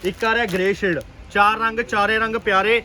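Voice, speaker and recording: A man with a Punjabi accent giving an urgent, repetitive, enthusiastic sales pitch as a shop seller on an online video. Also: fairly even intonation, brisk, bright, forceful tone. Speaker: clothing shop seller presenting stock. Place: busy clothing shop.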